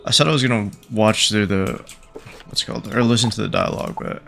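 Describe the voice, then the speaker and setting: Low, gravelly male gamer. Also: fast, fairly bright tone, faint music behind. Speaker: gaming video host. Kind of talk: casual game commentary.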